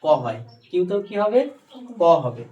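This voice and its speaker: This phonics lesson comes from a patient spoken English teacher who keeps posing questions and checking comprehension. The voice is medium-pitched with big pitch swings, a little slow and mellow, with the highs cut off; it's recorded from a distance over faint background noise.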